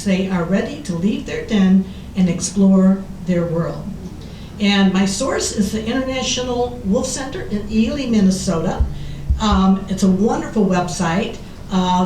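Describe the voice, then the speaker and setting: An American woman giving a prepared presentation to an audience as a children's author. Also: dark tone. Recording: roomy, distant mic, faint rumbling noise.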